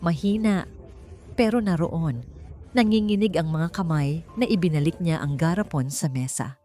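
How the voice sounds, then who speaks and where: A woman with a Filipino accent narrates a dramatic story as an audiobook reader. Her voice is deep and warm, and she reads at a normal speed. Background music runs as a bed beneath her voice.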